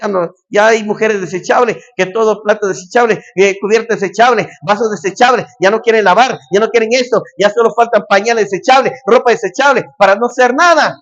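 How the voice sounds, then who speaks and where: A man preaching a sermon as pastor, emphatic and repetitive, sometimes calling out loudly. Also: sits high, a little fast, hardly any pauses, muffled recording. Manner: emphatic preaching, repeats phrases, shouts calls.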